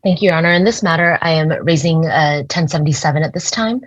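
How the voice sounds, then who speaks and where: A woman's voice: sits low, fast. A woman lawyer formally addressing a judge. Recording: dull lo-fi courtroom sound.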